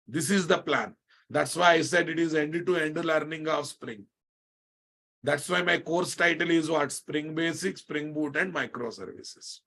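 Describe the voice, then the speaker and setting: A programming instructor with an Indian accent leads a live online technical class at a measured pace. His voice is slightly high and a bit bright, with vocal fry. He repeats key phrases and regularly checks that students are keeping up.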